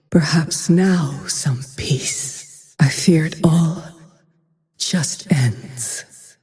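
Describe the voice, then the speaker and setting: A woman voicing a grim, vengeful, haunted female ranger hero in a fantasy game, with terse, brooding, breathy lines. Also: deep voice, dark tone. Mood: weary, fatalistic. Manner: measured, terse, brooding delivery. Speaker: video game voice actor. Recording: long reverb on the voice.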